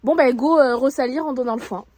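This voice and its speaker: A woman's voice: high voice, a little fast, a little mellow. A woman from France chatting casually in a vlog while doing stable chores outdoors, grumbling and talking to her viewers. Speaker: horse-owning vlogger.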